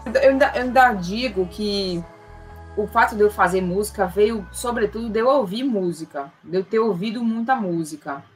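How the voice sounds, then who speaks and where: A woman from Salvador talks about her musical roots in a reflective interview. She often stops, restarts and repeats small words as she thinks aloud. Faint music sits quietly beneath her voice. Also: mid-range voice, normal speed. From Salvador, Bahia, Brazil. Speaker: musician guest.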